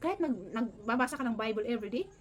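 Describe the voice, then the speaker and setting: Fast-talking earnest woman vlogger. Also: a little high, expressive. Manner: fast, earnest, keeps saying "guys", mixes English in. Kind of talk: casual storytelling to camera.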